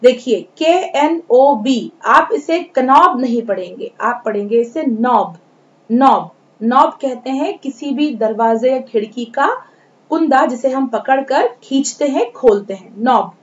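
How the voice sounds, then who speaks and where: A woman with an Indian accent teaches children how to pronounce English words, spelling each one out and saying it over and over. Her voice sits high and her pace is deliberately slow. The recording is dull and lo-fi. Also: animated. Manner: slow, spells words letter by letter and repeats them. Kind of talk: classroom lesson on pronunciation.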